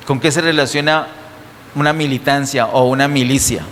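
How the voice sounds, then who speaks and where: A man's voice: mid-range voice, fairly even intonation, moderate pace, fairly bright tone, a little hiss or hum. A man preaching a sermon to his congregation, emphatic and full of rhetorical questions, in a church. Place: church hall. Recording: distant sound with long hall reverb.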